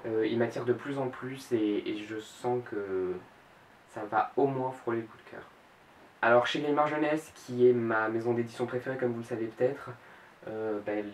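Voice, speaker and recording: A man's voice: medium pitch, a little mellow. A young man in his late teens chatting about books he wants to read in a casual vlog, hesitant, with many fillers and self-corrections. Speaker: book blogger. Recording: roomy echo, mic at a distance, faint background hiss.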